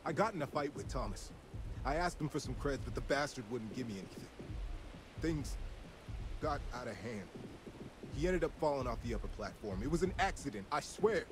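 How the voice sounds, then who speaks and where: An actor playing a streetwise beggar and small-time crook in a video game, informal, panicky and pleading. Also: male voice, medium pitch, lively intonation, brisk, a little hiss or hum, natural voice. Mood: anxious confession. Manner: streetwise, informal, stammering pleas. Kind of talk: video game character dialogue.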